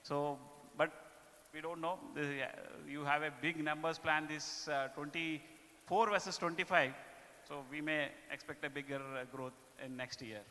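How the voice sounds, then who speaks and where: A man with an Indian accent giving a corporate performance presentation to staff, speaking haltingly and often tagging his phrases with "okay". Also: on the high side, fairly even intonation, pushed and bright. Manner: halting delivery with repeated "okay" tags. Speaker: business presenter. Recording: echoey hall with long reverb.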